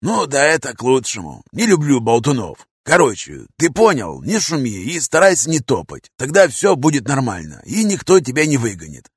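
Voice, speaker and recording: A man doing a hoarse, gruff street vagrant. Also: medium pitch, wildly swooping pitch, dry recording, clean studio sound, voice pushed up. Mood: chatty. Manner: slangy, coarse, drawn-out talk. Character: gruff streetwise male vagrant, talkative and bossy.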